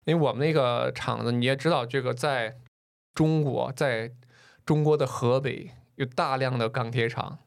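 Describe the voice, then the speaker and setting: A man with a loud voice, in casual podcast chat, telling stories from his past with laughs and swears. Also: mid-range voice, fairly even intonation, normal speed, gravelly. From northern China. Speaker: podcast co-host.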